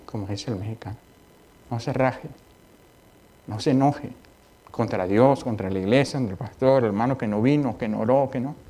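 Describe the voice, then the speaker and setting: A man preaching to his church congregation at a medium pitch, talking like he is chatting with friends. He climbs high and loud when he exhorts, then drops low and quiet when he tells a personal story, and keeps checking in with his listeners. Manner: conversational preaching with personal anecdotes, often asking "¿entiendes?". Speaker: pastor. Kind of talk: sermon. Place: church sanctuary.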